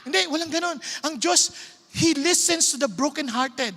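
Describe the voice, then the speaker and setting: A man's voice: extremely high pitch, moderate pace, sharp tone, long reverb tail. A man preaching a sermon in an emphatic, conversational way.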